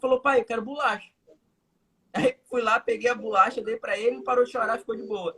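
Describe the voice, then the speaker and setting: A man's voice: extremely high pitch, fairly even intonation, quick pace, sharp tone, slightly rough. A young man with a Manaus Brazilian accent, a hypnotherapist guest telling everyday stories to explain his point in a casual live chat over a video call. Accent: Manaus Brazilian Portuguese. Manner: storytelling with everyday examples.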